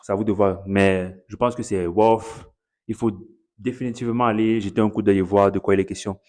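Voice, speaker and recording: A man with a fairly low voice speaks straight to his audience in a relaxed vlog. He rambles in a chatty way, circling back over his points and slipping English words into his sentences. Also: a little fast. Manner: chatty, repeats himself, mixes in English words. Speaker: content creator promoting his online academy. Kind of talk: casual direct-to-camera vlog.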